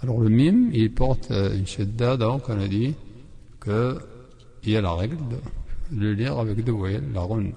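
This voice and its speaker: A man's voice: on the low side, moderate pace, vocal fry, mellow, slightly rough, big-room sound. A man teaching the rules of Quran recitation, explaining patiently and repeating syllables again and again, with chanted examples. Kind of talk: tajwid lesson with chanted examples.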